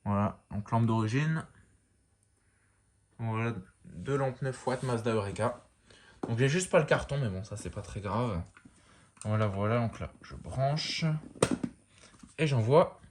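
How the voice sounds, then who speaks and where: A man's voice: medium pitch, a little slow, pauses often, slight background noise. Rambling man showing off a lamp. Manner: relaxed, rambling, many fillers and restarts. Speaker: lamp collector showing a fixture. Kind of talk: casual show-and-tell narration.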